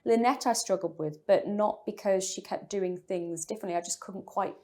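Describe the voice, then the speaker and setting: Here the same kind of guest, an English novelist from England, has a mid-range, warm voice at a normal speed. Discussing her writing in an interview conversation, she's reflective and keeps restarting and dropping in little fillers.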